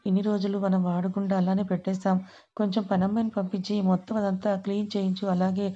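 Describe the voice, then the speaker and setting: A woman reading the lines of a calm middle-aged father who talks in a gentle, reassuring way. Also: mid-range voice, quick pace, muffled recording, natural voice.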